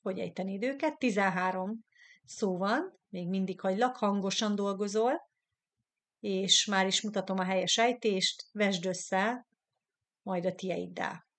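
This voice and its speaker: A Hungarian woman teaching English in a live online lesson. She says English words slowly twice, then gives their meaning in Hungarian, and chats in an encouraging way with her viewers. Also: medium pitch, fairly bright tone. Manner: chatty and encouraging toward viewers.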